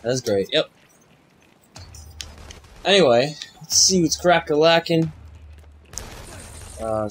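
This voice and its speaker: A man's voice: on the high side, low-quality recording. A young man giving crude, rambling, self-mocking commentary while playing a video game. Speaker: gaming YouTuber. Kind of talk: casual let's play commentary.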